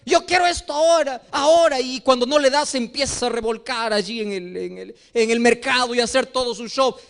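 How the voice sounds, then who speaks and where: A middle-aged male pastor preaches to his congregation in church, his very high, fairly bright voice brisk and full of vocal fry. Impassioned and sing-song, he often puts questions to the listeners.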